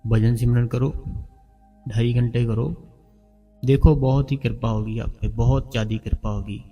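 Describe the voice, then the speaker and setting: A man gives gentle, repetitive spiritual advice in an informal devotional talk. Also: mid-range voice, fairly even intonation, measured pace, far from the mic, faint music behind. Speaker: spiritual channel host.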